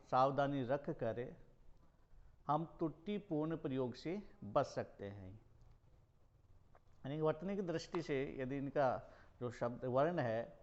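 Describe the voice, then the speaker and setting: A male college teacher from Rajasthan, India, giving a recorded grammar lesson and repeating words slowly for emphasis. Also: medium pitch. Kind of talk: recorded Hindi grammar lecture. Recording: dull lo-fi recording.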